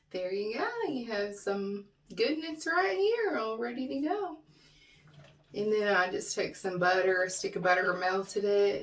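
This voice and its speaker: A woman's voice: mid-range voice, gravelly. A middle-aged woman chatting casually to viewers as she eats, chewing while talking and humming over her food. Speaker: mukbang vlogger. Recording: roomy, distant mic with faint noise.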